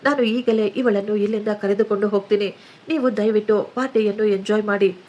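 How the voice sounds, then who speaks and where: Female narrator doing a scheming older mother-in-law in a narrated story: loud, hurried, brushing everyone off. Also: medium pitch, steady tone, muffled recording, lightly acted. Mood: loud, dismissive. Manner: loud, hurried, talking over a crowd.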